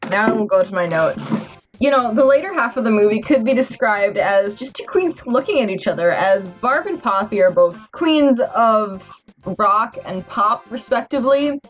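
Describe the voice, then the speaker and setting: A woman's voice: fairly high pitch, lively intonation, moderate pace, highs cut off, soft background music. A drunk woman giving a casual, rambling review from notes, stumbling over her words with mock-earnest seriousness. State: tipsy, drunk. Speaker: amateur movie reviewer.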